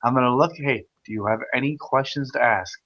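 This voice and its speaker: A man hosting a casual online video chat, talking loudly and excitably, with frequent swearing. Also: mid-range voice, fairly quick, muffled recording. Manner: loud, profane, excitable. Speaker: host.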